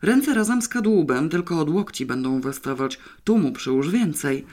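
A man's voice: a little high, lively intonation, moderate pace, darkish tone, natural voice. A man reading an audiobook, voicing an irritable male graphic artist who scolds in an exasperated, raised voice. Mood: irritated.

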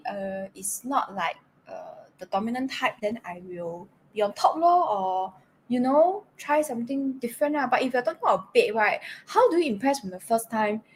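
A woman chatting casually in colloquial Malaysian or Singaporean slang English with particles like lah and lor, in an animated, teasing, giggly way. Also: fairly high pitch. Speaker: livestream co-host. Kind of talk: casual chat.

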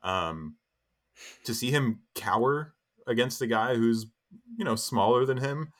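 Unhurried and medium-pitched with a somewhat bright tone, this young man co-hosts a podcast. His casual, rambling film talk is thick with filler words and false starts.

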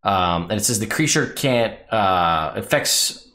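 A man's voice: on the low side, expressive, a little slow, bright, forceful tone. A man playing a tabletop game, chatting and reading spell rules aloud. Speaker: player. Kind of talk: tabletop role-play banter.

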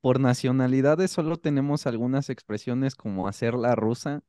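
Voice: medium pitch, moderate pace, mellow, dry recording, studio quality. A speaker with a Mexican accent, a podcast host who chats casually and jumps in playfully with guesses. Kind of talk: casual chat.

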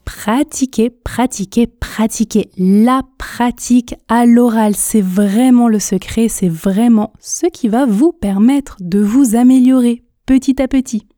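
Calm woman teacher drilling pronunciation, slow and careful, mellow voice. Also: on the high side, no echo, studio quality. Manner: calm, patient, counts learners in and repeats phrases. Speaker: French teacher, podcast host. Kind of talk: pronunciation lesson, slow and articulated.

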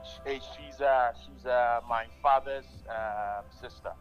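A man from Ghana on a call, answering softly with amen and yes sir. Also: mid-range voice, steady tone, takes it slowly, clear, resonant tone, dull audio, soft background music. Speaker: caller.

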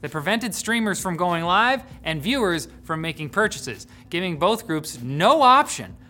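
A tech news host reading scripted headlines with jokey, sarcastic asides, swinging from loud bursts to hushed mutters. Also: mid-range voice, sing-song, measured pace, a little hiss or hum.

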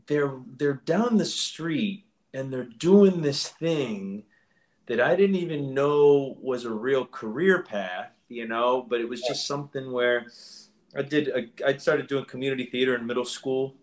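A man's voice: medium pitch, measured pace. A man in his thirties from Central Florida, an actor talking as a guest in a casual, upbeat interview. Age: 30s. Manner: upbeat, chatty, laughs easily.

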